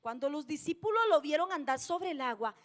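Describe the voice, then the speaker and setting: With lively intonation and a fairly quick pace, a woman preaches in a very high, fairly bright voice. She hammers her key phrases and asks the congregation questions, and her words ring out in a long church-hall reverb.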